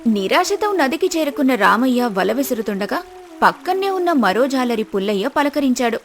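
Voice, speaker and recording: A woman narrating a cartoon story in a steady storytelling manner. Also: high-pitched, moderate pace, faint music behind.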